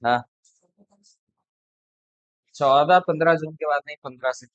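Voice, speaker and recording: A man's voice: fairly high pitch, unhurried, no room sound, highs cut off. A man tutoring a class, talking casually and bluntly to his students between problems. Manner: blunt, chatty, lecturing. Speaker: math tutor.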